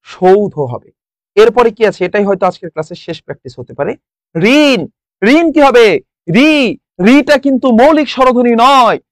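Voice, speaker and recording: A man's voice: very high voice, expressive, normal speed, no echo. A young man from Bangladesh teaching a live exam-prep class online, quizzing students and repeating the answers. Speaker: online tutor.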